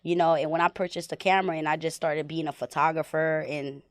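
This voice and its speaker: Low-voiced woman telling her story. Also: fairly even intonation, fast talker, dry recording, clean studio sound. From Haiti. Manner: reflective storytelling, many "like" and "you know" fillers. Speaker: film director, guest. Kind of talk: casual podcast interview.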